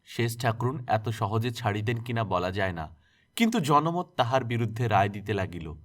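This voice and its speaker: A man reading a classic novel aloud as an expressive storyteller. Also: on the low side, normal speed. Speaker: story narrator.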